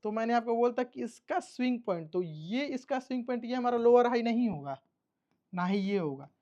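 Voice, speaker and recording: A man's voice: very high-pitched, lively intonation, fairly quick, warm tone, muffled recording. A man teaching a trading course, walking through a chart step by step, repeating terms and checking that listeners follow. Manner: repetitive teacherly explaining, checks understanding. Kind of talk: explaining a chart in a recorded lesson.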